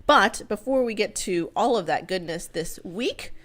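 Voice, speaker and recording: A woman hosts a casual podcast in an upbeat, teasing manner. Her pitch is very lively and swings widely. Her voice sits mid-range for a woman. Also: measured pace. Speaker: podcast host. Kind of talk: casual chat.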